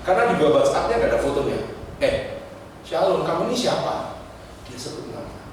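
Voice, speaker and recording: Man, pastor preaching, animated pitch swings, slightly high voice, distant echoey church hall. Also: brisk, a little hiss or hum. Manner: animated storytelling, switching between pleading and urgent exhortation. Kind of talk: sermon.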